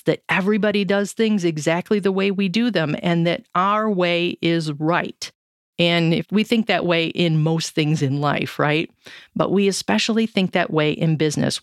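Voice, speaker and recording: A woman's voice: fairly low pitch, no room sound, clean studio sound. A woman hosting a solo podcast, talking candidly and reflectively about lessons from running an online business, with a touch of sarcasm.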